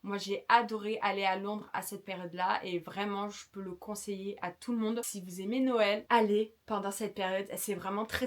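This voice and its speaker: A young woman talks straight to her viewers in a relaxed vlog, frank and enthusiastic, with easy fillers between thoughts. Her voice sits at a middle pitch. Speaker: travel vlogger. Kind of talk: casual vlog advice.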